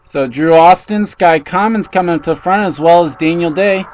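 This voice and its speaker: A man with a high voice calling a race play-by-play. He reels off positions and names, then gets excited and loud when cars bang together. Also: moderate pace, no echo, poor audio. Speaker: race commentator. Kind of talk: play-by-play commentary.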